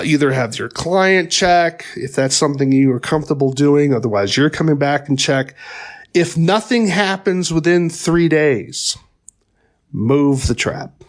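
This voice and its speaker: A middle-aged man giving a pest control training talk in a conversational way, with wry asides and frequent fillers and restarts. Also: on the high side. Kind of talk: instructional podcast talk.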